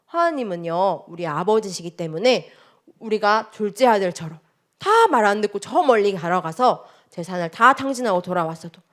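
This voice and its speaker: A woman teaching a children's sermon, telling a story and asking the children many questions in a lively, expressive way. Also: medium pitch, moderate pace.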